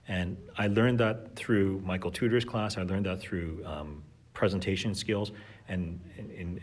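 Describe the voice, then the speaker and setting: In a deep, husky voice, a man who teaches speaks as a guest on a podcast. He comes across as thoughtful and sincere, with fillers and restarts running through his reflective, conversational talk.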